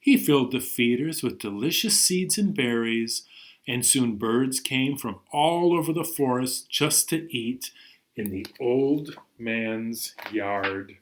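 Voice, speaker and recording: A man with a mid-range voice speaks slowly while hosting a children's storytime. A librarian reader, he reads and sings playfully and expressively, throwing in sudden emphasis as he tells animated stories and sings songs for young children.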